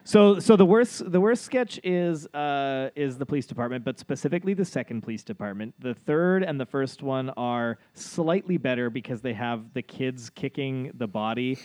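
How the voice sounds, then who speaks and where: A man's voice: medium pitch, lively intonation, moderate pace, few pauses, a little mellow, no room sound. A man co-hosting a casual group podcast, rambling with many fillers. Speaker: podcast co-host.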